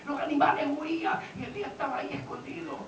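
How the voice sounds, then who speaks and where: A male pastor preaching a sermon. He questions his congregation and swings from low talk to shouting. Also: sing-song, quick pace. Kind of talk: Pentecostal-style sermon. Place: church hall. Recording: roomy, distant, dull and noisy church recording.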